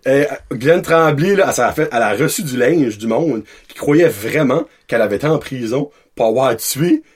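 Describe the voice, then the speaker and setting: Husky man telling animated stories. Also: mid-range voice, normal speed. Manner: animated storyteller, slangy, mixes in English words. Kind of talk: casual podcast chat.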